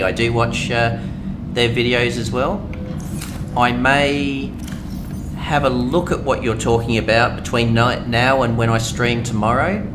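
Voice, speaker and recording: Brief: Aussie male streamer, talkative with lots of fillers, mid pitch, noisy mic audio. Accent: Australian. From Australia. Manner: chatty, rambling, many fillers. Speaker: game streamer. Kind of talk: casual let's-play commentary.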